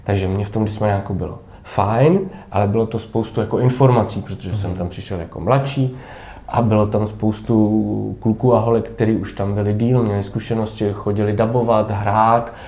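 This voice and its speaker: A man's voice: lowish voice, fairly even intonation, dark tone. A man in his thirties, an actor answering interview questions thoughtfully with hesitations and restarts. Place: theatre backstage room. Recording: echoey room.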